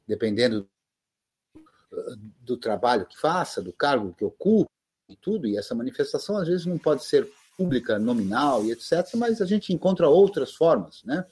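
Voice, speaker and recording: Male guest, husky, emphatic, impassioned speaker. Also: medium pitch, darkish tone. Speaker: guest panelist. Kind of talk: casual live-stream discussion.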